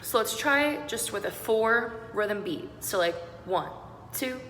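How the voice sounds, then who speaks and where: A woman's voice: on the high side, lively intonation, measured pace. A young woman singing teacher giving an upbeat online beatboxing lesson, walking learners through each sound step by step. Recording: roomy echo with long reverb and faint noise.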